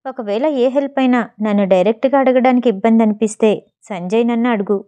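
A woman voicing a calm, wealthy middle-aged man with a low-key, dryly amused manner, in an audiobook story. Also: quick pace, natural voice. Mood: assured.

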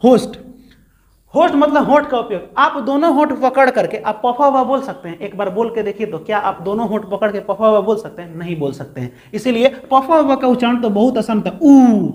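A man's voice: high voice, animated, brisk. A male teacher, giving a step-by-step grammar lesson to students and answering his own questions as he goes. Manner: explains step by step, asks questions and answers them.

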